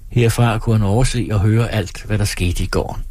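Male audiobook narrator, husky and low, measured delivery, dry close mic. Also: no echo. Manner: steady, measured reading.

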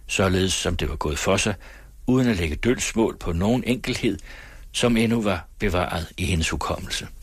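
Man, audiobook narration, measured, husky voice, dry close sound. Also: fairly low pitch, dry recording. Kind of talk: reading a novel aloud.

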